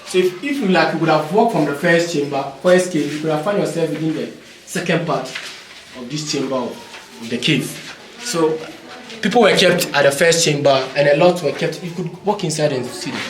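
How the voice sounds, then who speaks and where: A male tour guide with a fairly high voice patiently explains step by step at a moderate pace inside an underground stone dungeon. The mic is distant, and the noisy recording rings with cave echo.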